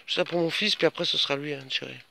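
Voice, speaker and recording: A man's voice: racing, gravelly, sharp tone, slight background noise. A man giving a casual, rambling walk-and-talk vlog outdoors on his rural land, defiant and chatty with his viewers. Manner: coos at pets in a much higher voice.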